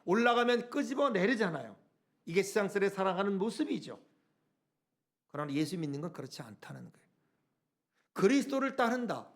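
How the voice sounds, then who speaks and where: A man's voice: sits high, big pitch swings, brisk, pauses often. A middle-aged male pastor preaching a sermon in a church, asking the congregation questions and reading scripture aloud. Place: church sanctuary.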